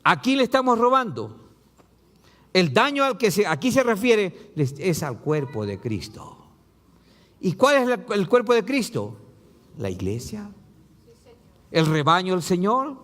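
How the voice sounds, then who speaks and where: A man pastor preaching a sermon, reading scripture aloud and asking the congregation rhetorical questions with rising emphasis and low drops. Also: big pitch swings, unhurried, a bit bright, big-room sound.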